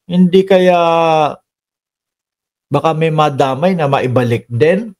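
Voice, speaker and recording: High-voiced chatty Filipino commentator. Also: male voice, takes it slowly. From Philippines. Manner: chatty, animated, mixes Tagalog and English, frequent laughs. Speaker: political commentary vlogger. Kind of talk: casual commentary over played clips.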